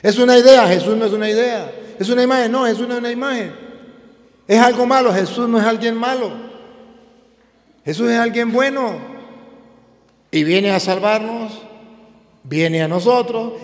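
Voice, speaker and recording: A male priest with a high-pitched voice preaches a sermon at normal speed, pausing often. He builds each point by stacking up emphatic, repeated lines, which ring through a large hall with a long reverb.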